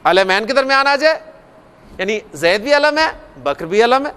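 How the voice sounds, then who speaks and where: A man's voice: very high-pitched, very animated, moderate pace, bright, forceful tone, clean tone. A man teaching Arabic grammar in a lecture, explaining step by step, repeating key points and putting questions to the class.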